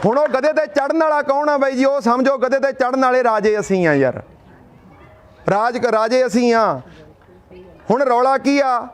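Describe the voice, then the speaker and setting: A man's voice: very high voice, normal speed, some chatter behind, slight background noise. A young man addressing a gathering in a rousing speech, asking and answering his own rhetorical questions and telling a folk tale. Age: young adult.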